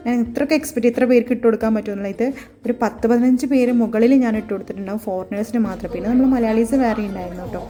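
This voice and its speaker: A woman's voice: a little high, racing, dark tone. A woman with a Malayali accent narrating a casual vlog, mixing English words into her Malayalam. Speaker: henna artist and vlogger. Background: faint music.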